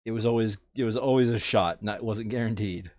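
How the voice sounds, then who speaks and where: A man with a fairly low voice talks fast while playing a board game for a playthrough show, casually narrating moves, reading rules and thinking out loud. The audio is dull, with no room sound.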